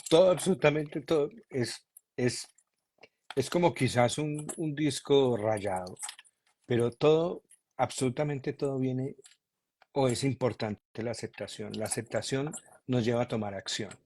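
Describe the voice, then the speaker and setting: A man talking calmly and earnestly as a podcast guest, searching for words as he goes. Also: medium pitch, a little slow, slight background noise. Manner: calm, earnest, repeats himself while searching for words. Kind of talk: reflective conversation.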